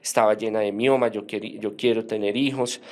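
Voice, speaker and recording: A man's voice: on the low side, fairly even intonation, fairly quick, darkish tone, lightly acted. A man quoting an anxious sick woman who pleads urgently and insistently. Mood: pleading.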